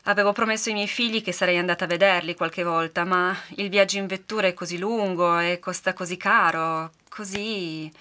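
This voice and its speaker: A woman's voice: lowish voice, steady tone, pushed and bright. Woman doing a chanting mountain witch. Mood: tearful. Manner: slow chanting incantation, then tearful lament. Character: humble mountain witch woman casting a spell.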